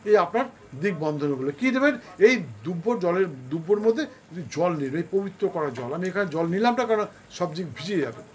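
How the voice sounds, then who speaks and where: High-pitched man, Kolkata Bengali accent, slow ritual teaching, chanted prayers. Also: animated, a little mellow. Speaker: astrologer and puja teacher. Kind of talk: instructional demonstration of a ritual.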